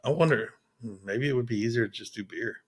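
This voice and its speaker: Thirtysomething guy on a podcast, medium voice, teases a lot and laughs, quick yeps. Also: medium pitch, husky. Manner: teasing, laughs often, quick agreeing interjections. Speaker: podcast co-host. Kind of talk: casual chat.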